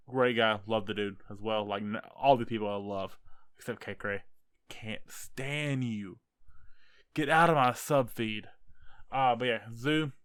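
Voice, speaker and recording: A man's voice: mid-range voice, a bit bright, clear, resonant tone, no echo, clean studio sound. A young American man casually ranking fellow creators, rambling and joking as he goes. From United States. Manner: rambling, self-correcting, jokey. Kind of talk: casual tier-list commentary.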